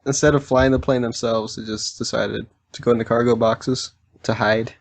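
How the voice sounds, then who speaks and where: A man co-hosting a podcast, giving dry, quietly amused short replies, with faint music behind. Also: medium pitch, fairly even intonation, normal speed, creaky. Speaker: podcast co-host. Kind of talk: casual podcast chat.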